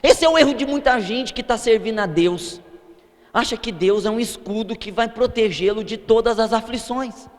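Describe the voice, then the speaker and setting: A male pastor preaching a sermon in a church sanctuary, swinging between loud emphatic declarations and low, quiet asides. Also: moderate pace, in a large hall.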